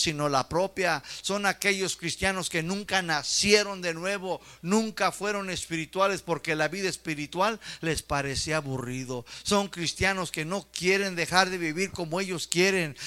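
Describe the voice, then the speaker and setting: A male preacher with a high, ringing voice delivers a fervent sermon. He keeps turning to his congregation with rhetorical questions and calls to his brothers. His tone is bright and forceful. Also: clean tone.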